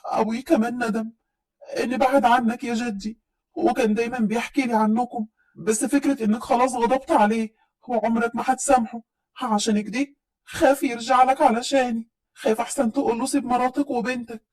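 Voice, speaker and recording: A woman voicing a bold, proud young woman from Upper Egypt who speaks with sharp, defiant retorts, in an Upper Egyptian accent. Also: a little high, fairly even intonation, a little fast, breathy edge, rough recording. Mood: soft.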